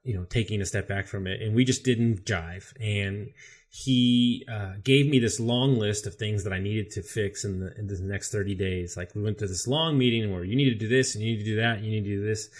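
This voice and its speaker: A man speaking as a guest on a podcast, with a slightly low voice. He tells his story candidly and with energy, and swears freely. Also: a little fast. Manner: candid, profane, animated storyteller. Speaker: podcast guest, business coach. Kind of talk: casual storytelling interview.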